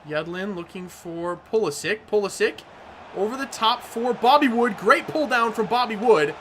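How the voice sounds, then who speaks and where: A woman commenting on her own video game match, excitable and swearing freely, shouting at big plays. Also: medium pitch, moderate pace, slight background noise. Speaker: gaming commentator.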